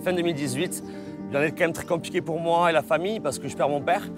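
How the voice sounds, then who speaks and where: Man, 30s, from southern France, earnest interview, higher voice, music behind. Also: fairly even intonation, fast. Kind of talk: documentary interview.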